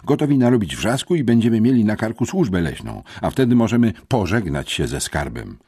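A man voicing a teenage schoolboy detective in an audiobook, talking in a quick, worked-up way with a husky edge. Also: very deep voice, lively intonation, darkish tone, no echo, clean studio sound, exaggerated voice. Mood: agitated.

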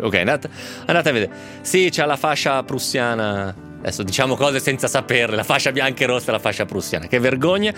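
A man's voice: mid-range voice, a bit bright. A man hosting a casual, improvised live radio show, bantering with listeners in digressive, self-mocking asides. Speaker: radio host taking listener calls and reading messages.

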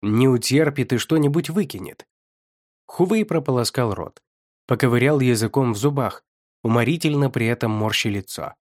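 A man reading fantasy fiction aloud as an audiobook narrator, with even storytelling delivery. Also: medium pitch, moderate pace, no echo, studio quality.

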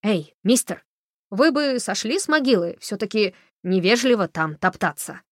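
Woman doing a nervous young man, excitable, timid, raised and loud, storybook reading. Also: medium pitch, moderate pace, no echo, clean studio sound, lightly acted. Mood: excited. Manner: excited, fearful outbursts. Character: jittery young male artist, timid and excitable.

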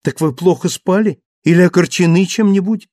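A man pitches his voice up to play a playful, petulant young wife who coaxes and pouts in a lively way. The voice is high and moderately paced, and the recording is dry and studio-clean.

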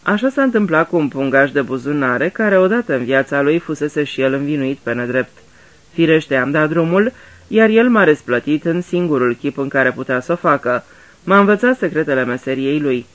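A man's voice: a little high, lively intonation, fairly bright tone. A man voicing Poirot, a fussy, courteous older detective, in a radio drama reading, talking patiently like a teacher. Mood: patient explaining. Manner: polite, patient, explaining like a teacher.

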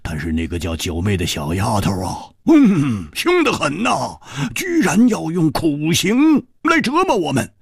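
A man voicing a boisterous young swordsman in a storytelling audiobook, talking high and fast with many fillers. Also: wildly swooping pitch, gravelly, breathy edge, no room sound, studio quality, heavily acted. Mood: excited.

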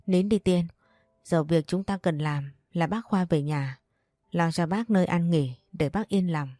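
A woman's voice: lowish voice, a little slow, mellow, dry recording, studio quality, natural voice. A woman voicing an older aunt who speaks through tears, choked but consoling, in a storybook reading.

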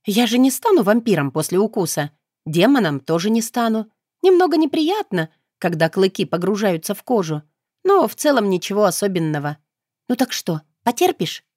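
A woman's voice: mid-range voice, very animated, normal speed, darkish tone, no echo, pitched above the performer's own voice. Female reader as blunt young heroine: teasing, matter-of-fact, dry sound. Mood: breezy. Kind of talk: audiobook character voice.

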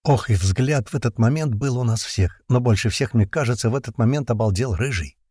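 Casting: male first-person narrator, tense and colloquial, mellow dark timbre, dry close sound. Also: medium pitch, a little fast, husky, no room sound. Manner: tense, colloquial storytelling with slang. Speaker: audiobook narrator.

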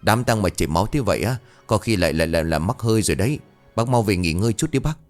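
A man's voice: on the low side, lively intonation, rapid-fire, faint music behind, natural voice. A man voicing a worried villager at a funeral who urgently insists someone go rest.

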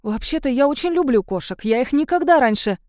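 A jumpy ghost of a young witch girl, put on by a woman narrator answers in a raised, quick and defensive voice. Beneath the brightness the tone stays mellow. The sound is close and dry. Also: high voice, animated, dry recording, pitched above the performer's own voice. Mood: anxious.

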